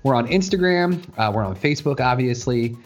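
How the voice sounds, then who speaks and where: A man hosts a casual podcast with an informal, joking way of talking. His pitch is average, and music plays faintly behind him. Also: expressive, brisk, dull audio. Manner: jokey, informal. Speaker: podcast host. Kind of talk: casual chat.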